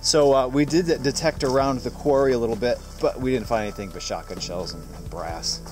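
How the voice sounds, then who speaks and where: A man in his thirties who hosts a metal detecting channel walks through a forest, enthusiastically explaining his finds in a casual outdoor vlog. His medium-pitched voice is brisk and a little mellow, with soft music in the background.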